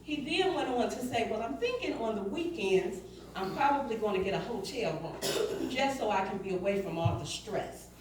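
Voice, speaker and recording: At normal speed and with lively intonation, a fairly high-pitched middle-aged woman tells a church the story of her personal testimony, performing each quoted exchange. A little hiss or hum is audible. The audio sounds distant, echoing through the church hall.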